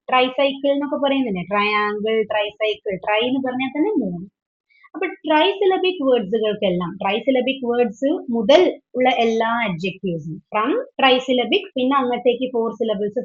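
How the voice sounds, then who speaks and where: A woman teaching an online English grammar class, patient and questioning, often switching into English as she explains. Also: on the high side. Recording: dull lo-fi online call audio.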